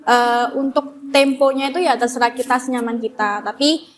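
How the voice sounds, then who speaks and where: A young woman speaking as an interview guest in a relaxed, chatty way, with frequent fillers and a loose, easy flow. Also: on the high side, moderate pace. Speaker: guest, former flag-raising team member. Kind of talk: casual interview chat.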